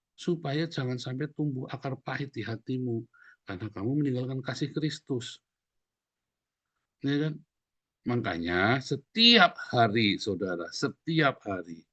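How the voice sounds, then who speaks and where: A man preaching a lively sermon, joking and acting out voices. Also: deep voice, dry recording, highs cut off. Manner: animated, jokes and acts out quoted voices. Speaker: pastor.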